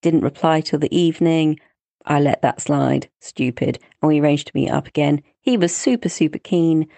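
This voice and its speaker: Female listener, lowish voice, wry casual storytelling in short phrases, no room sound. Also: moderate pace, gravelly, mellow, dry recording. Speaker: listener leaving a voice message.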